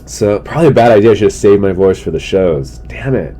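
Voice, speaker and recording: A middle-aged comedian with an animated, quick, dark and slightly rough voice rambles casually on his solo podcast, dropping slangy asides. He sounds stuffy and sick, losing his voice and clearing his throat, against noticeable background noise with a low rumble.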